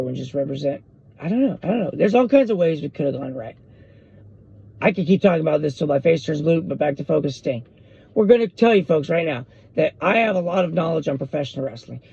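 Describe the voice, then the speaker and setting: A man, rambling excitedly and jumping between topics as he hosts a casual solo podcast. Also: fairly high pitch, creaky, husky, no room sound. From US West Coast. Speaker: podcast host. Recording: dull lo-fi dry recording.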